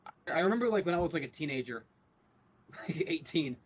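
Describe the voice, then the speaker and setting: A man's voice: a little high, expressive, fairly quick, a little hiss or hum. A young man co-hosting a podcast, chatting casually and ranting with a lot of profanity. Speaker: podcast co-host. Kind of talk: casual chat.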